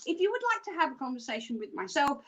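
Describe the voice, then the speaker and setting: A woman's voice: high-pitched, very animated, quick pace. A woman presenting a live psychic reading show, chatty and rambling with jokey asides, often checking in with "okay?".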